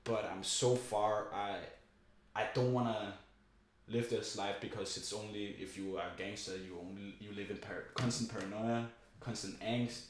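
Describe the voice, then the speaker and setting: A young man with a very low voice rambles through a casual chat, swearing often and filling gaps with ums and uhs. His voice rings around a strongly echoing room, with faint noise behind. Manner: profane, rambling, many fillers.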